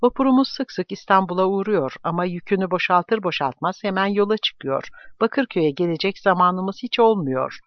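A man's voice: sits high, lively intonation, moderate pace, hardly any pauses, no room sound, dull audio, pitched above the performer's own voice. A man reading as a polite young sailor.

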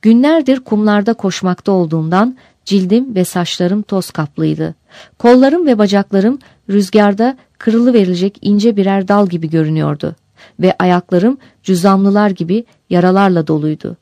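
Female audiobook narrator, warm, first-person memoir, even measured read, dry booth. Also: mid-range voice, no room sound.

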